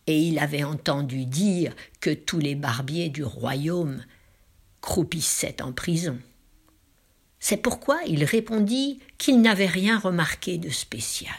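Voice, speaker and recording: A woman telling a folk tale with slow, drawn-out dramatic phrasing, dropping into hushed whispers for emphasis. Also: deep voice, gravelly, husky. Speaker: storyteller.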